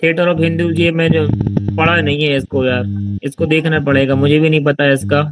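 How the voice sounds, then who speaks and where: A man's voice: on the high side, level tone, moderate pace. A man giving an informal exam-prep literature lecture, explaining answers and checking in with his listeners. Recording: distant mic with loud background noise.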